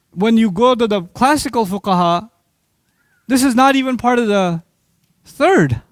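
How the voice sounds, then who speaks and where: A high-pitched Islamic speaker from Pakistan gives a lively lecture to a live audience, firing off rhetorical questions and answering them himself. He makes quick asides, and his pitch jumps suddenly when he drives home a point. His voice is close and dry, with no room sound at all.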